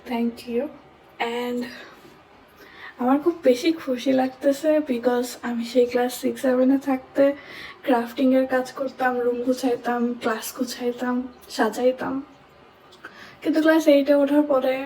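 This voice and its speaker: A young woman talks casually to her viewers from her bedroom, dropping English phrases into her chat. Her voice sits high but moves little in pitch. It is caught from a distance, with a light hiss underneath. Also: warm tone. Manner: chatty, mixing English phrases into her talk. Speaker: vlogger.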